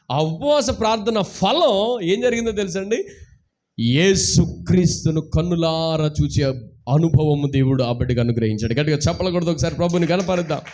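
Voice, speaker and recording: A man with a notably high voice preaches a sermon to his congregation. He keeps throwing rhetorical questions at the listeners and urges them to shout hallelujah. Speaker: pastor. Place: church service streamed live.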